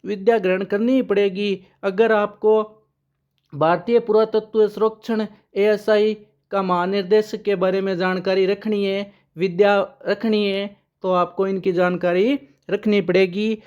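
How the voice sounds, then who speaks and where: A current affairs teacher with a darkish, medium-pitched voice teaches an exam-prep lesson built on memory tricks. Questions are asked aloud and then answered, key names get repeated, and the recording sounds muffled.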